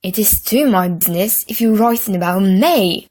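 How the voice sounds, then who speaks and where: A woman's voice: mid-range voice, moderate pace, darkish tone, close to an everyday voice. Woman doing a rude scheming boy. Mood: demanding. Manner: blunt and demanding, snappish. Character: mischievous scheming boy, rude older brother. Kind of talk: storybook reading.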